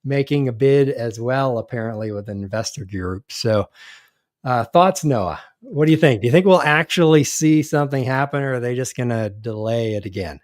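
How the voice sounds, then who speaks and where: A man's voice: mid-range voice, normal speed, dry recording, studio quality. A man hosting a live show, chatting casually and reading news items with frequent restarts. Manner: hesitant, restarts often, reads news items aloud. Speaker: podcast host. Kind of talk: casual live-stream chat.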